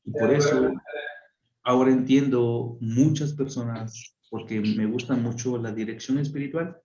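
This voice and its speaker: A friar being interviewed on a radio program, telling a personal testimony with lively, acted-out voices. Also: male voice, mid-range voice, measured pace, roomy sound, lo-fi sound. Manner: animated storyteller who acts out voices. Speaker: friar telling his story. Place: radio studio.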